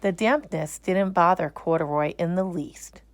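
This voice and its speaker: A woman reads a children's story aloud, narrating expressively. Her pitch is fairly low and her pace a little slow.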